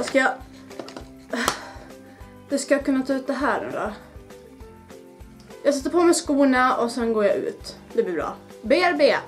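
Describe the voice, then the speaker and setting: Young Swedish woman, high voice, nervous and giggly, casual vlog on a camera mic, faint music behind. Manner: giggly, nervous, swears freely. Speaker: vlogger. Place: home, then outdoors by her car.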